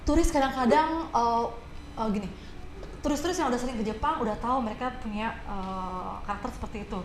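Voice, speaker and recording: An animated woman with an Indonesian accent tells stories in a casual talk show, slipping into the voices of the people she quotes. Her voice sits a little high and rings in an echoey room. A faint hiss stays in the background. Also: a little fast. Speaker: guest speaker.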